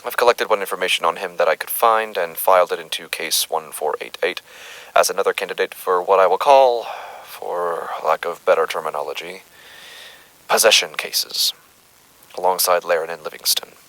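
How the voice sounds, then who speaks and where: A man's voice: low voice, normal speed, a bit bright, rough recording. A man playing an uneasy, methodical doctor who records case findings formally and hesitantly in a horror audio drama. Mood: clinical, grave.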